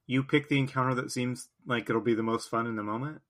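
A man's voice: mid-range voice, steady tone, fast, a bit bright. A male podcast co-host in casual discussion, tentative and thoughtful as he works through ideas.

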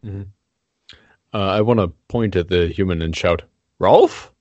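A man with a very low voice joins in as a player in a tabletop game. He is casual and joking as he announces his moves. The sound is dry and slightly dull. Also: moderate pace, dry recording.

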